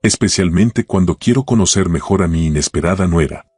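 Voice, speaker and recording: A man with a deep, husky voice voicing a shrewd, warm older wealthy woman who questions gently but pointedly. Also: a little fast, dry recording, soft background music. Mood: teasing. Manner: gently probing, affectionate.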